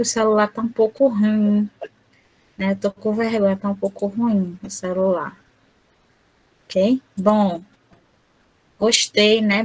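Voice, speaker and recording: A woman interpreting an online lecture aloud, speaking haltingly with frequent tag questions. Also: medium pitch, rough recording.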